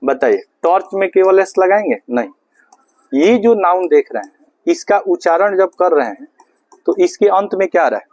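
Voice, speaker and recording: A man teaching a grammar class, asking questions and answering them himself, and spelling words out slowly letter by letter. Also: high-pitched, lively intonation, a little mellow, dry recording. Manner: asks questions and answers them himself, calls students "babu".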